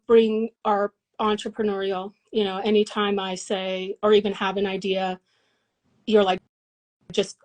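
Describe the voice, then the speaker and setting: A woman's voice: mid-range voice, darkish tone, low-quality recording. Woman in her forties, guest in a casual interview, earnest, reflective, restarts often. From Colorado. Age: 40s. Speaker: guest, massage therapist and business owner.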